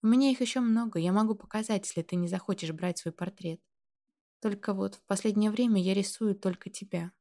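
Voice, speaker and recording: A woman reading the lines of a shy, tender teenage girl who speaks softly and timidly. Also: mid-range voice, brisk, natural voice. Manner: soft, timid, breathless.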